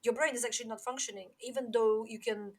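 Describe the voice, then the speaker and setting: A woman in a casual discussion, speaking reflectively and pausing to search for words as she makes her points. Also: on the high side, steady tone. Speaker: panel participant.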